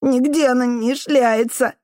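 A woman's voice: lively intonation, slow pace, darkish tone, no echo, clean studio sound. A woman voicing a frightened boy of about nine who whimpers and pleads in tears. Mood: crying, pleading. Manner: sobbing, shrill pleading.

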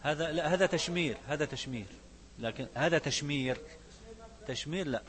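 A man with an Egyptian accent leads a religious lesson at a quick clip, moving from classical recitation to colloquial explanation. He quizzes the students as he goes, and a faint hum sits under his voice. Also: fairly high pitch, fairly bright tone. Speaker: sheikh teaching a fiqh book.

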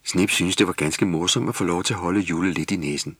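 Husky low-voiced man reading a Christmas story. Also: no echo. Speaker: narrator. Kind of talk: scripted storybook narration.

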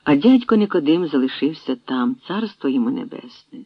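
An emotional young noblewoman, voiced by an audiobook reader, breaks into eager, lively exclamations. The sound is dry and dull, like a lo-fi audiobook. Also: medium pitch, a little fast, no room sound. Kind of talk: audiobook reading.

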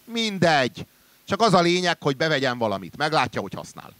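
A man's voice: on the high side, sing-song, a bit bright, dry recording, pitched above the performer's own voice. A man voicing a seasoned, matter-of-fact male travel companion in a read-aloud story. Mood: coaxing.

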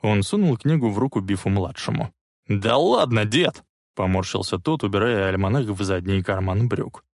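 A man reading a story aloud as narrator in a lively, expressive way. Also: lowish voice, fairly quick, dry recording, clean studio sound.

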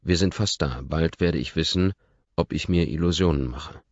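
A man narrating an audiobook in the first person, in a calm, measured reading that drops to a murmur. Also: very deep voice, no echo, highs cut off.

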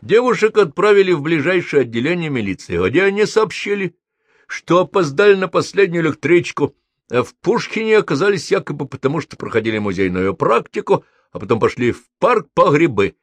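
A man reading a story aloud and voicing an officious, condescending police sergeant in a flat, bureaucratic tone. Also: on the high side, fairly quick, dry recording, voice pushed up.

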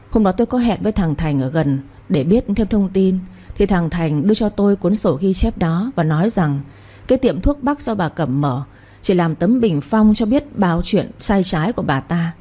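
Brief: composed young gentleman schemer, low even delivery, woman reading the part. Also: slightly rough. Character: calm young master, cunning schemer.

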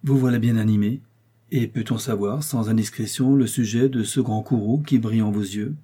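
Weary ironic king, as a male reader puts him on, courtly, teasing, low husky voice. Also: fairly even intonation, moderate pace, mellow.

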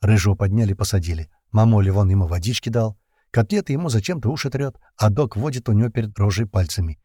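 Casting: male first-person narrator, tense and colloquial, mellow dark timbre, dry close sound. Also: lowish voice, fast talker, slightly rough, no room sound. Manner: tense, colloquial storytelling with slang. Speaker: audiobook narrator.

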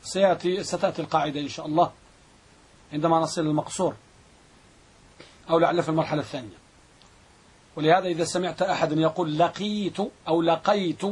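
A man teaching a grammar class, repeating definitions slowly and quizzing his students. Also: fairly high pitch, a little mellow, breathy edge. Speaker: Islamic scholar teaching Arabic grammar.

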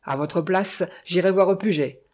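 A reader voicing a rustic village innkeeper from a detective novel, a man who exclaims and doubts, with a husky voice. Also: mid-range voice, normal speed, darkish tone, close to an everyday voice. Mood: exclaiming. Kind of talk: audiobook character reading.

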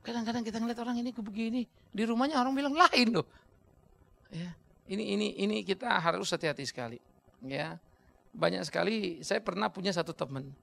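A middle-aged male pastor, preaching a sermon in an animated storytelling manner with slangy asides. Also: high voice, brisk, gravelly.

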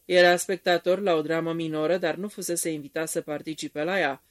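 Narrator steady storytelling, reading a novel aloud at a table read. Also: mid-range voice.

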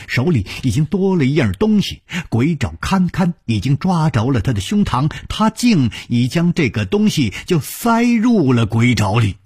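Male storyteller, husky and slow, animated delivery, dry close sound. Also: no echo. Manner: dramatic, drawn-out delivery with sudden high exclamations. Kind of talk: traditional Chinese oral storytelling.

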